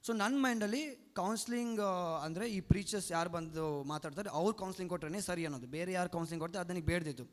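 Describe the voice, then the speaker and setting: A young man tells his story in an earnest, emotional testimony. His voice sits high and his words come quickly. It is recorded in a hall with a long reverb tail. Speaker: testimony speaker at a church retreat. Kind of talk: personal testimony.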